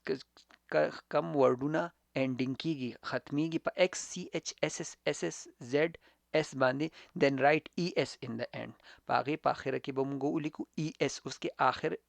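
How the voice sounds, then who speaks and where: Slow, gravelly man teaching. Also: mid-range voice, no echo. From Khyber Pakhtunkhwa, Pakistan. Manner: repeats words slowly, mixing Pashto, Urdu and English. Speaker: English teacher. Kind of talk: casual spoken lesson.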